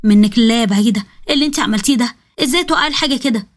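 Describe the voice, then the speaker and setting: A spiteful Egyptian sister-in-law with a high voice, as a woman puts her on, sneering out insults at a fast clip in a storybook drama. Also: lightly acted. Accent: Egyptian Arabic. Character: mean, spiteful sister-in-law, young adult.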